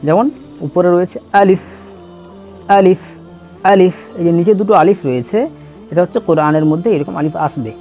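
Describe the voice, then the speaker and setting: A man teaching letter pronunciation in a slow lesson, patiently repeating and drawing out each sound for students to follow. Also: high voice, mellow. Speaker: Quran reading teacher. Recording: dull lo-fi with faint music.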